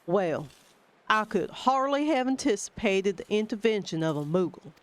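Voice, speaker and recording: A woman reading game dialogue aloud, voicing a formal, dignified forest guardian with stately, old-fashioned phrasing and a measured delivery. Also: mid-range voice, expressive, natural voice. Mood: relieved. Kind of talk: reading video game dialogue in character voices.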